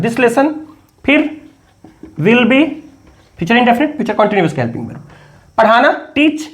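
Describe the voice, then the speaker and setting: Guy teaching english grammar, pretty high voice, keeps asking the class questions as he goes. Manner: explains step by step with frequent checking questions.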